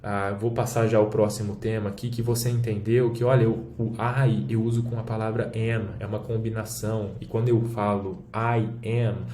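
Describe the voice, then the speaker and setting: This Brazilian Portuguese-accented man teaches a language lesson through a screen-share app demo, keeping it casual and explanatory with frequent check-ins. His mellow, lowish voice moves little in pitch, at a moderate pace with few pauses. There's roomy echo and faint noise behind him.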